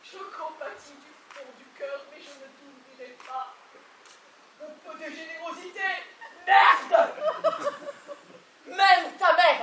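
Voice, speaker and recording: On a farm theatre stage before a live audience, a woman with a high voice performs comedy as a bossy, frantic, middle-aged mother of the bride, shouting and interrogating in exasperation. The recording sounds distant and echoey, with faint hiss.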